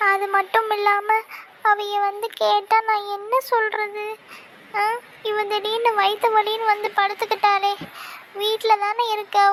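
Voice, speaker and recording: Woman as scolding cartoon mother, high voice, fretful nagging. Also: fairly bright tone, slight background noise, exaggerated voice. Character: fussy scolding cartoon mother, quick-tempered.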